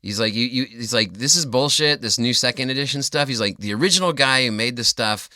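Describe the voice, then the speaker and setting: A man's voice: medium pitch, a little fast, bright, forceful tone, no room sound, clean studio sound. A man, co-hosting a podcast as a rambling, joking storyteller who swears freely. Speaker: podcast co-host. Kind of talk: casual chat.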